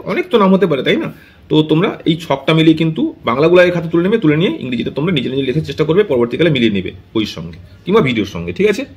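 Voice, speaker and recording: A man teaching English pronunciation in Bengali, explaining step by step. He checks in with his students often and slows down to spell out example words. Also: fairly high pitch. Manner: checks in often with a tag question.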